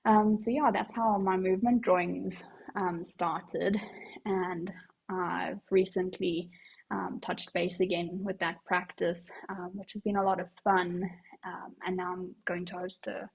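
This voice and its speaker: A young woman, a powerlifting coach and artist, answering interview questions in a soft-spoken, thoughtful way. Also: lowish voice, little pitch movement, measured pace, creaky, husky, low-quality recording.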